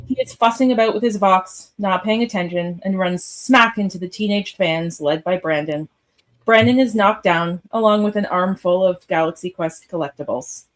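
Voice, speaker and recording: A woman's voice: medium pitch, normal speed, low-quality recording. A woman narrating a radio theatre piece, reading scripted stage directions.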